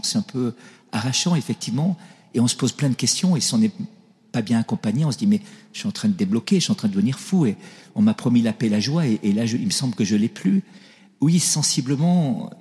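A man's voice: mid-range voice, darkish tone. A man preaching a sermon, telling stories and often asking his listeners "voyez-vous". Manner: storytelling, asks the audience "voyez-vous". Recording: reverberant hall.

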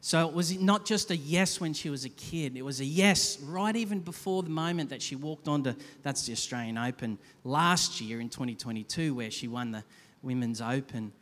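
A man pastor giving a conversational, animated sermon with quick asides to a congregation. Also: mid-range voice. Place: church hall. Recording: long hall reverb.

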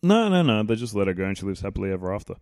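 A man's voice: lowish voice, sing-song, racing, a little mellow, no room sound. A man hosting a podcast, chatting casually in a joking, playful, rambling way while he watches a film. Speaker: podcast host. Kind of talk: casual chat.

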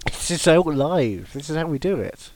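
Male podcast co-host, slightly high voice, playful riffing delivery. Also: animated, normal speed, darkish tone. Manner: joking, riffing. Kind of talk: casual chat.

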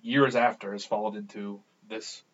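A man's voice: fairly low pitch, steady tone, normal speed. A man co-hosting a podcast with casual, bantering talk, on a lo-fi recording. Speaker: podcast co-host. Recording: dull, tinny lo-fi podcast recording.

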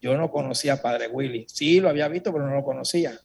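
A man giving a religious testimony to a congregation, telling his story in a lively way and speaking straight to his listeners. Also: mid-range voice, fast talker, vocal fry, slightly rough.

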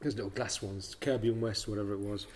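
A man's voice: lowish voice, fairly even intonation, fast talker. A middle-aged man from Leicester, a writer chatting bluntly as an interview guest and telling stories with lots of "you know what I mean". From Leicester, England. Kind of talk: casual storytelling chat.

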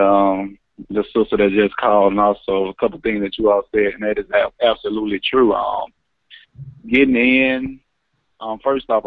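A man phoning in to a radio talk show, earnest and often pausing with "um". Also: fairly low pitch, no echo. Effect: heard over a phone line. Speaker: caller. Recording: tinny, dry phone line.

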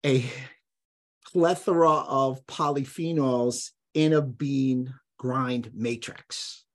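A man's voice: medium pitch, fairly even intonation, slow. A man speaking as a guest on a podcast, explaining food and health in an emphatic, blunt, lecturing way. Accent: none, trained out of New York accent. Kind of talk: conversational podcast interview.

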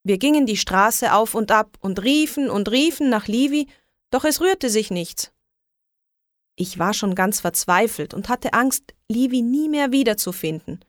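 A woman reading a children's story aloud in a lively, expressive way. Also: on the high side, unhurried, no echo, clean studio sound. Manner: lively, expressive reading with raised voices for quoted calls. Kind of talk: scripted children's story narration.

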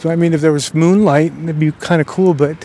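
A man's voice: on the high side, fairly even intonation, brisk, dark tone, slight background noise. A man out of breath, chatting casually in a rambling way with many fillers as he hosts a paranormal vlog outdoors at night by a busy road. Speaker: paranormal vlogger. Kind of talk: casual chat.

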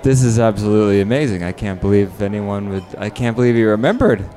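A man's voice: lowish voice, expressive, fast talker, warm tone, soft background music, lightly acted. A man improvising a flustered husband who stammers and keeps exclaiming in surprise. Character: flustered husband caught off guard. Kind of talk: improv comedy.

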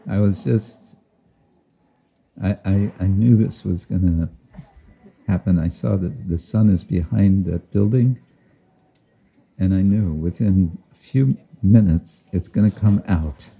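A man giving a slow, reflective devotional talk outdoors to listeners, often chuckling and explaining Sanskrit and Bengali terms. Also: low-pitched, gravelly, mellow, slightly rough. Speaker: spiritual teacher. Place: outdoors with listeners, sun overhead.

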